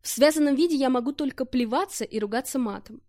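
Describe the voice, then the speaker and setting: A woman's voice: high-pitched, fast talker, a little mellow, no echo, lightly acted. A woman doing a scornful tied-up rescuer. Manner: mocking, scornful. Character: tied-up male rescuer, scornful, foul-tempered.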